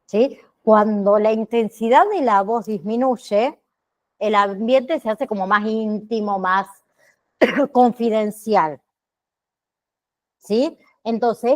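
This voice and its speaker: A middle-aged woman teaching a class over a video call, at an unhurried, careful pace. She pauses often to check in with her students through frequent tag questions. Her voice sits at a medium pitch. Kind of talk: online class lecture. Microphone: computer mic on a video call.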